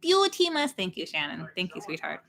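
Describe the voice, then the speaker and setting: A woman's voice: on the low side, huge pitch swings, normal speed, gravelly, fairly bright tone. A woman in her late thirties co-hosting a livestream, chatting in a rambling, casual way and reading out viewer names. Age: late 30s. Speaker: co-host of a horror watch-party stream.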